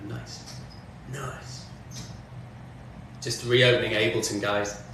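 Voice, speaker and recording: A man's voice: lowish voice, steady tone, very slow, a bit bright, far from the mic. A man from northwest England, chatting casually on a livestream as he answers comments. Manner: chatty, answers chat comments, talks while working. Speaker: music streamer. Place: home studio, in doors. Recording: very echoey room, off mic, faint background noise.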